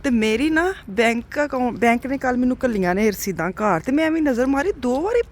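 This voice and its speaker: A woman with a Punjabi accent chats casually as a vlogger, her voice fairly high, brisk and full of lively intonation. She exclaims, chides and teases. The recording carries noisy car and outdoor ambience, with vehicle and street sounds behind her.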